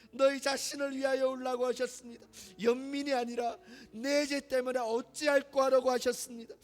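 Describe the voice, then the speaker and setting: A male pastor leading a congregation in fervent, pleading prayer, repeating his invocations again and again. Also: very high voice. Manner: repetitive pleading invocations, rising to impassioned crying out. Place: church sanctuary.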